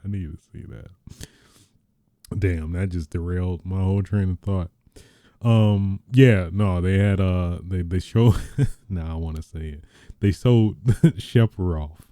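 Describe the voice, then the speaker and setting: A man hosting a casual gaming podcast talks in an excitable, rambling way, often restarting and trailing into fillers. His voice is low and very dark. He is close to the mic in a dry sound. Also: dry recording. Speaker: podcast host.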